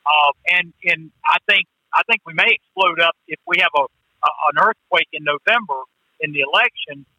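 A male caller comes through on buzzy, glitchy phone-call audio that drops in and out. His voice sits high and sounds very bright, with almost no room around it. He talks in halting bursts, restarting and trailing through filler words. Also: no echo. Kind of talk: call-in radio chat.

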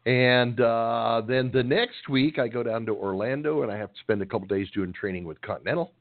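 A man's voice: mid-range voice, fairly quick, no room sound. A middle-aged man co-hosting a trucking call-in radio show, chatting casually in a rambling, joking, folksy way. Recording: dry, tinny phone-line sound.

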